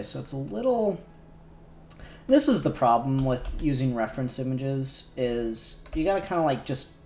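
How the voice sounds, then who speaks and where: On a livestream, a male co-host with a medium-pitched voice chats casually and thinks aloud while working on a 3D model. He sounds relaxed, and the audio has a roomy quality.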